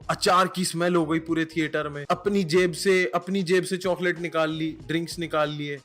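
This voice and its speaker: A man's voice: a little high, fairly bright tone. A man live-streaming, ranting casually in a crude, joking and mocking way, and reading out viewer donations. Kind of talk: casual livestream rant.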